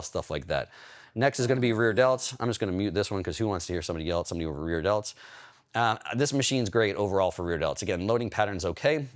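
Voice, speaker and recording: A man working as a hypertrophy coach, casually breaking down a training video in a chatty, explanatory way. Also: on the low side. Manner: chatty, explanatory, talks while pausing and scrubbing video.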